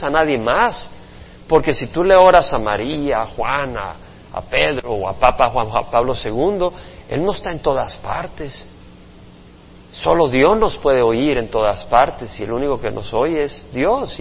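A male pastor giving a Bible study sermon, earnestly preaching with rhetorical questions and swinging from emphatic to hushed. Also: medium pitch, animated, normal speed, gravelly, slightly rough, long reverb tail, lo-fi sound.

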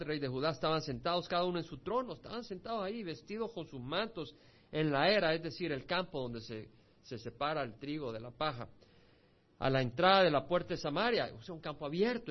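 Guy preaching a bible study, voice jumps all over, kinda muffled lo-fi audio. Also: fairly high pitch. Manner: animated, reads scripture then explains it with asides to listeners. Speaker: pastor. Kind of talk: expository Bible sermon. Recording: muffled lo-fi recording.

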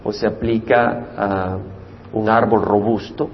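A pastor teaching a Bible study, explaining the meanings of Hebrew words and repeating key terms for emphasis. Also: male voice, lowish voice, fairly even intonation, takes it slowly, in a large hall, dull audio, a little hiss or hum. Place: church.

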